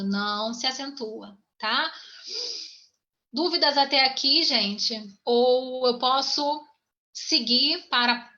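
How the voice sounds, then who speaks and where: A woman teaches a grammar lesson in a high, bright voice, taking her time over each point. She keeps repeating herself and checking that her students follow along. The recording sounds dull and lo-fi.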